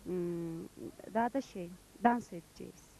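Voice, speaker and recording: A young woman from Kyrgyzstan with a Kyrgyz accent, giving an interview in halting, non-native Turkish as a student. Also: fairly low pitch, dark tone. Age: young adult. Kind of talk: informal on-camera interview.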